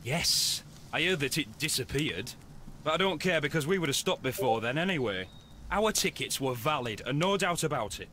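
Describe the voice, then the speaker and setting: A man's voice: on the high side, lively intonation, normal speed, bright, forceful tone, a little hiss or hum. An actor playing an indignant male train passenger who complains in a huffy tone in a video game.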